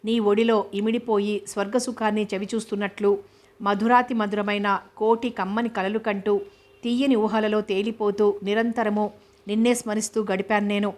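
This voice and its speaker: A woman's voice: mid-range voice, level tone, normal speed, darkish tone, natural voice. A woman reading the lines of a heated, accusing foreign wife in an audiobook novel, in her own voice. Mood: tender.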